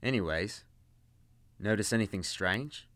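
A man's voice: fairly low pitch, lively intonation, a little slow, fairly bright tone, no echo. A man voicing a dry, sarcastic demon hunter.

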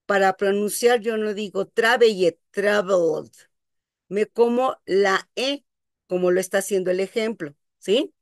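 A woman's voice: mid-range voice, moderate pace, no echo, clean studio sound. A woman teaching English pronunciation, explaining patiently and checking that her students follow.

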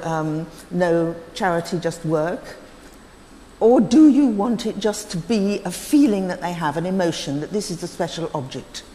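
A woman's voice: on the low side, a little mellow, a little hiss or hum. A woman moderating a panel discussion at a conference, asking questions in an articulate, poised way. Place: conference hall. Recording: conference hall reverb, faint ambience.

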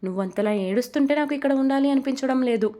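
A woman's voice: sits high, quick pace, dark tone, lightly acted. A woman voicing a playful young husband in a storybook romance, talking in a cheeky, teasing way.

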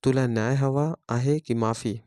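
A man playing a calm, mysterious wanderer. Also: medium pitch, smooth, no echo, studio quality, lightly acted. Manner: calm, quiet, measured.

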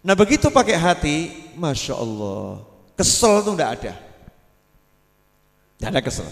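A man's voice: a little high, measured pace, vocal fry. A man preaching a sermon, asking the crowd questions and drawing out his words. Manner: lively, asks the crowd questions and draws out words. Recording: long hall reverb.

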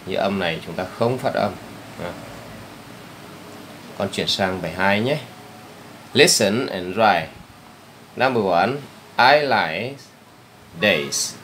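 A male teacher guides a young pupil through a lesson with great patience. His voice sits fairly low, and he takes his time over every word. He repeats each one so the child can follow along. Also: a bit bright, slight background noise. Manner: patient, repeats words slowly for the pupil to copy. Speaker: English teacher. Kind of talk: step-by-step spoken lesson for children.

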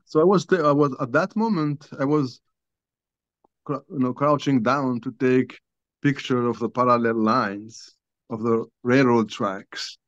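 Calling in from a small room at home, an older guest author from Algeria recounts something personal in a halting, chatty way, often starting over and saying "you know" a lot. His mid-range voice comes through without echo on dull, lo-fi video call audio.

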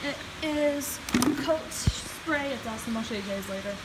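A young adult vlogger talks casually to her audience at normal speed in a slightly high, expressive voice, laughing often. She films herself with a phone held at arm's length inside a horse barn that's partly exposed to rain, so barn noise runs through the phone audio.

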